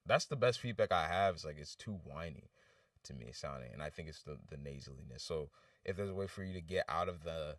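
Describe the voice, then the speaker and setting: A deep-voiced man hosts a casual music review livestream. His talk is loose and rambling, full of restarts, and sounds set back from the microphone. The sound is dry and close to the walls, with no room echo. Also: expressive, brisk, recorded from a distance.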